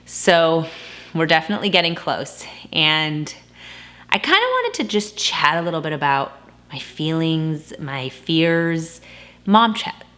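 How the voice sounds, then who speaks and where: A woman's voice: sits low, sing-song, unhurried, pushed and bright. A woman in her thirties chatting casually to her camera as a vlogger, upbeat and a little out of breath. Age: 30s. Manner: chatty, upbeat, frequent laughs. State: slightly out of breath.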